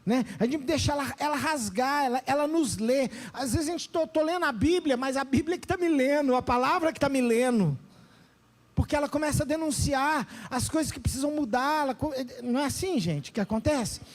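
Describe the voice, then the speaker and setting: Pastor de voz muito aguda. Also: male voice, very high-pitched, fairly quick. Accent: Brazilian Portuguese. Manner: animated preaching, calls out to the congregation. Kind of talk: sermon.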